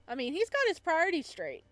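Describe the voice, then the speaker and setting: Her voice is extremely high with wildly swooping pitch, delivered at a moderate pace on a dry recording. She's a live streamer reading a visual novel aloud, keeping the chat casual and sprinkling in playful, giggly remarks.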